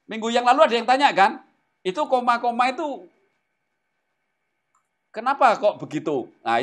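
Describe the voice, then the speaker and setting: A man teaching a Greek language class who keeps quizzing his students. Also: sits high. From Indonesia. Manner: animated, asks the class questions often. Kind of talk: classroom lesson.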